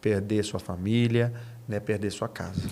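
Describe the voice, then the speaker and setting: His voice sits on the low side, dark and steady at a moderate pace. Guesting on a podcast as a pastor, the Brazilian man preaches conversationally and tells anecdotes, emphatic and earnest, punctuating points with rhetorical questions and tag checks.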